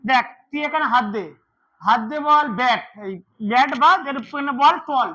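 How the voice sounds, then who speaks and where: A man's voice: extremely high pitch, moderate pace, sharp tone, dull audio. A man teaching English grammar to a class, repeating words and quizzing his students as he goes. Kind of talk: classroom lesson.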